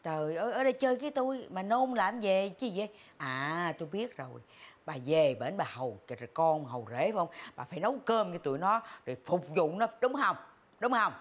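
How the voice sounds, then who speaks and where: Brief: boastful sixties mother, Southern Vietnamese accent, low pitch, very lively intonation, sitcom. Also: brisk. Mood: teasing. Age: 60s. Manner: chatty, exclaims often. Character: ailing elderly mother, chatty and boastful. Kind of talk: sitcom acting.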